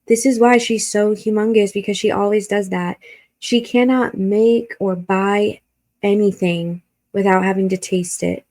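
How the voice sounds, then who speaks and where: A woman's voice: mid-range voice, fairly even intonation, a little slow, a little mellow. A woman hosting a reaction video, giving blunt, critical commentary and swearing freely.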